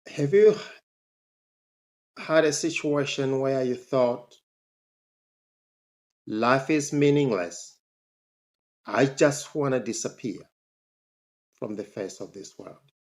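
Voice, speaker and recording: A Zambian man, a motivational speaker, tells his life story to the camera in a slow, somewhat mellow voice with long pauses. He speaks emphatically, and his pitch leaps up sharply on rhetorical questions.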